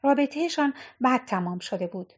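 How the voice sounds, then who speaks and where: A woman narrates an audiobook in a measured, even way. Her voice sits fairly high. The recording sounds dull and lo-fi. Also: breathy edge. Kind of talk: scripted narration.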